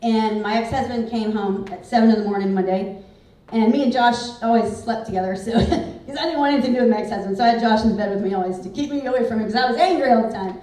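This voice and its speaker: A real estate speaker in her forties from Houston, Texas, gives a candid, conversational motivational talk in a large event hall, talking fast and using "like" often. Her voice is a little high and mellow, and she is picked up from a distance in a very echoey space.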